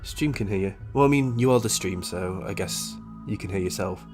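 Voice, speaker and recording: A man's voice: low voice, fairly quick, soft background music. A man chatting casually while playing a co-op game, narrating a role-play setup and poking fun at himself. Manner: animated, self-mocking, laughs often. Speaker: streamer and co-op player.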